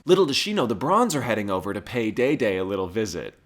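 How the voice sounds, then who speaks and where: Speaking fast in a lowish, sing-song voice, a man recaps a show with mocking, wisecracking scripted commentary. He's a comedic reviewer narrating an episode summary, with music in the background.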